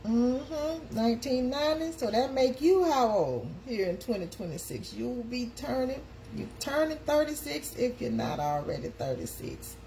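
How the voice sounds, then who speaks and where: A woman's voice: sits high, very animated, moderate pace, few pauses, dark tone, slight background noise. A woman, hosting a casual live chat and calling out to her viewers. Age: 50s. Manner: chatty, calls out to viewers. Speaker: live stream host.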